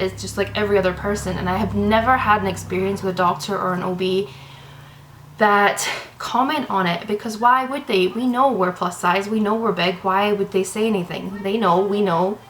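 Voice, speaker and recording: A woman's voice: medium pitch, a bit bright, a little hiss or hum, low-quality recording. A young woman from Canada chatting to her camera, out of breath, rambling and reassuring. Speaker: vlogger. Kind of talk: casual chat to camera. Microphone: camera mic.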